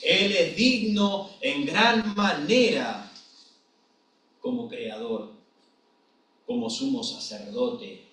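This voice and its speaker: Male pastor, slow deliberate sermon delivery with a high voice, recorded distant in a very echoey room. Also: expressive, a bit bright. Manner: emphatic preaching with repeated phrases. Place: church hall. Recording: echoey church hall from far off.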